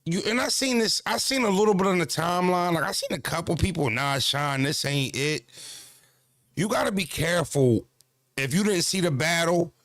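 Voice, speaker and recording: A man in his thirties, fresh from a gym workout, chats casually to the camera about battle rap and self-care, loose and profane and full of "you know what I mean." His voice sits a little high with a fairly bright tone at a normal speed. The recording is dry, with clean studio sound.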